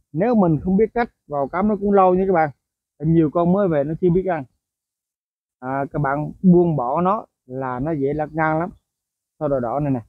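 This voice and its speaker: A man's voice: on the high side, dry recording. A man chatting casually to viewers about songbirds, with frequent fillers and asides. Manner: chatty, addresses viewers often, many fillers. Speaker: bird-keeping video host. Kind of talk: casual explanatory vlog narration. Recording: tinny phone-like dry sound.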